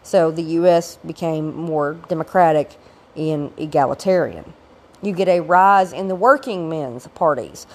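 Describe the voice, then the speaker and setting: Speaking unhurriedly in a deep, gravelly voice left by a fading cold, a woman teaches an informal history lecture on recording, pausing for explanatory asides.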